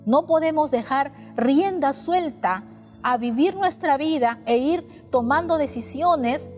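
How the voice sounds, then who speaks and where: High-voiced woman preaching in a reverberant hall. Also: lively intonation, slow, darkish tone, faint music behind. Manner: earnest, rhetorical questions to the congregation. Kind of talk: sermon.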